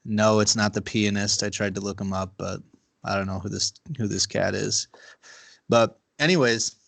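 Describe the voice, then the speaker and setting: A man's voice: lowish voice, steady tone, moderate pace, vocal fry, fairly bright tone. A man hosting a podcast over a video call, chatting casually, rambling and swearing. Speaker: podcast host. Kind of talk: casual chat.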